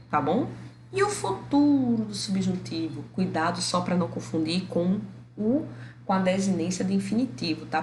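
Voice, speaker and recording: A woman with a Brazilian Portuguese accent teaching a grammar lesson, affectionate with viewers and stretching out example words slowly to show the stress. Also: medium pitch, echoey room, background noise. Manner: affectionate, addresses viewers as "meu amor".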